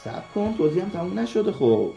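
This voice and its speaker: A man's voice: high voice, very animated, vocal fry, warm tone, faint music behind. A man co-hosting a radio show, recommending series in a casual, teasing banter. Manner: teasing, joking.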